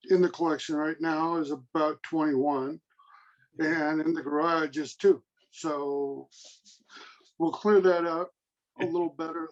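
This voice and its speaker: A man speaking hesitantly in a casual video call, full of pauses. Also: on the high side. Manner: hesitant, many uh fillers. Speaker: biker guest on a video call. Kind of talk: casual chat. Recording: dull lo-fi video call audio.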